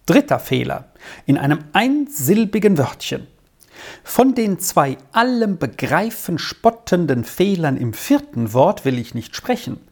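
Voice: mid-range voice, big pitch swings, unhurried, darkish tone, slightly rough, heavily acted. A reader voicing a pedantic male school headmaster who lectures a pupil indignantly in a letter, in an audiobook. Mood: stern scolding.

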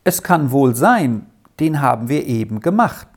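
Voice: mid-range voice, big pitch swings, measured pace. A reader voicing an insistent, well-off lady traveler who scolds and commands in an audiobook story. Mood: annoyed. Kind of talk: audiobook reading.

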